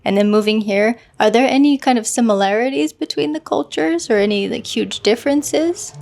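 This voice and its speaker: Friendly woman podcast host, fairly high voice. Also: creaky, darkish tone. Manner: friendly, interviewing, quick questions. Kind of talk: casual chat.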